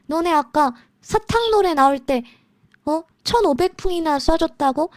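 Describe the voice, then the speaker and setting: A woman's voice: very high-pitched, animated, unhurried, dry recording, clean studio sound. A woman live streaming as a virtual idol, chatting casually with viewers in a cute anime streamer manner, playfully whiny and teasing.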